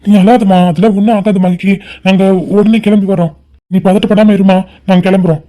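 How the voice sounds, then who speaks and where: A woman voicing a worried middle-aged father in a cartoon, gentle and reassuring. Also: medium pitch, steady tone, a little fast, lightly acted. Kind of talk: cartoon voice acting.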